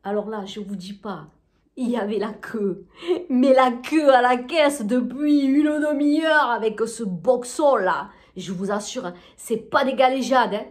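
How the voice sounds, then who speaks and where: A woman's voice: fairly high pitch, a little slow. A woman telling a comic story, chatty and full of fillers, who laughs at her own jokes. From Arles, southern France. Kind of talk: comic monologue told to an audience.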